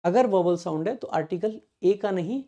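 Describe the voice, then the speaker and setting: A man teaching English grammar in an online exam-prep lesson. He reads the example sentences slowly, word by word, and keeps asking his students quick check questions. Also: high voice, warm tone, lo-fi sound.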